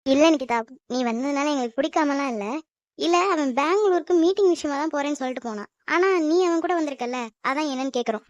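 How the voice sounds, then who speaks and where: A woman's voice: high voice, fast, no room sound, dull audio, close to an everyday voice. A woman voicing a fussy, suspicious middle-aged aunt in a cartoon, nagging and questioning. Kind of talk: animated cartoon dub.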